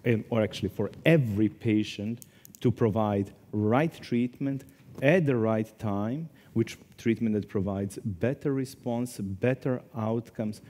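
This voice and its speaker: A man in his forties from Serbia speaking as a conference panelist, earnest and deliberate, in a large hall. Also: lowish voice, mellow. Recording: long hall reverb.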